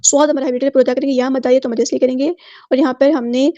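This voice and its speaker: A woman with a high voice gives a word-by-word tajweed lesson. She chants each word in a long, slow recitation, then explains the rules in brisk, plain speech. The sound is close and dry, with a slightly dull tone. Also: fairly even intonation, mellow, no echo. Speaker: Quran recitation teacher.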